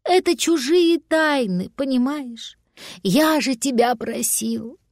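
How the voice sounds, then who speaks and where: A woman voicing an ill father cat who speaks softly and slowly in a weak, lowered voice. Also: expressive, no echo, studio quality, full character voice. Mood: reproachful. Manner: soft, weak, slow. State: weak from illness.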